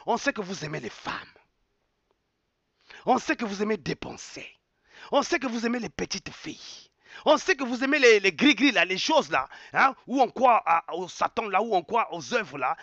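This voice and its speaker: A man's voice: high-pitched, big pitch swings, moderate pace, fairly bright tone, dry recording. A man delivers an impassioned rant, repeating words over and over with mocking exclamations. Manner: repetitive, mocking, exclamatory, mixes in local phrases. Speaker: online commentator. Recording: dull lo-fi dry sound.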